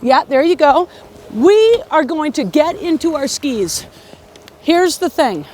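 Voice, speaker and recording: A woman's voice: high-pitched, sing-song, slow pace, darkish tone. A woman teaching a beginner ski lesson outdoors, instructing step by step in an encouraging way and often checking in with short questions. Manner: frequent checking questions like okay and right. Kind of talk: hands-on beginner lesson talk. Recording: outdoor recording with faint background noise.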